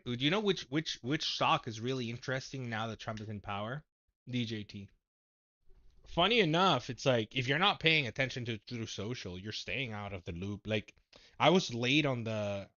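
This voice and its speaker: A man hosting a casual stock market livestream, animated and laughing, swinging from low mumbles to loud exclamations. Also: normal speed, highs cut off.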